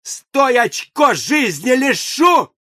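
A man doing a daring, loud street lad. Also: high voice, fairly quick, no room sound, studio quality, pitched above the performer's own voice. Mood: shouting. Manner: loud, bold shouting.

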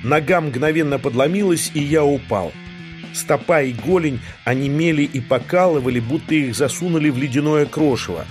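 Male audiobook narrator, ironic first-person delivery, soft music bed. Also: fairly high pitch, normal speed. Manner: wry, ironic.

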